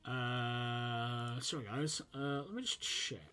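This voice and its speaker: Taking it slowly in a smooth, bright, forceful medium-pitched voice, a young British man who hosts a gaming channel casually commentates his football management game. He's slightly sniffly from a fading cold and thinks aloud with many fillers.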